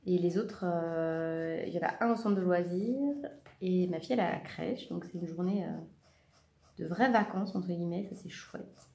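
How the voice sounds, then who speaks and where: A woman's voice: fairly low pitch, moderate pace, gravelly, mellow. A woman in her thirties, a part-time teacher, chatting casually with many fillers and self-corrections while she colors for her vlog. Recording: echoey room.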